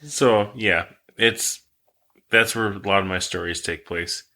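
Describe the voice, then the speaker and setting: Male podcast co-host, low and bright-toned, relaxed rambling storyteller. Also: measured pace. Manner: relaxed, rambling, reads facts aloud.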